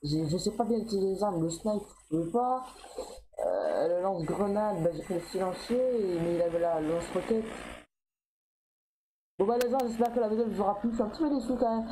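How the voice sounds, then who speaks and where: A young man giving excited commentary over his own gameplay as a gaming YouTuber, swinging between loud yelps and low mumbling and swearing often. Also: brisk, a little hiss or hum, low-quality recording.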